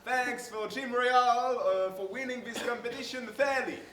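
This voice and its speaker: A man's voice: very high-pitched, unhurried. A man acting a race commentator in a student stage play, addressing the audience like an announcer. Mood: announcing. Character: excitable male race commentator. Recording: echoey hall from far off, noisy.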